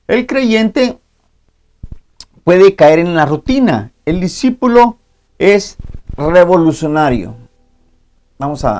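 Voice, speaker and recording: A man's voice: fairly high pitch, a little mellow. A man preaching a sermon as pastor, reading scripture aloud and often adding amén and ¿verdad? as he addresses his congregation as brothers. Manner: frequent interjected amén and ¿verdad?. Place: church.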